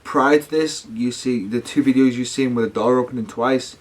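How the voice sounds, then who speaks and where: A man's voice: medium pitch, normal speed. A man talking casually to his viewers as a paranormal vlogger, rambling and slangy, often correcting himself. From United Kingdom.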